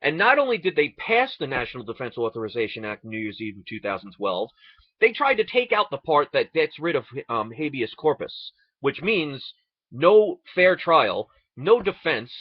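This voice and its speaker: A man's voice: on the high side, very animated, moderate pace, no room sound, lo-fi sound. A man from the United States delivering an impassioned, indignant political rant, sarcastic and full of rhetorical questions. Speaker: online video ranter.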